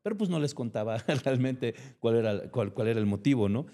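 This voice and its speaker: A guest with a Mexican accent gives an emotional personal testimony, acting out conversations he remembers. He speaks briskly, with a mid-range, dark voice and lively intonation.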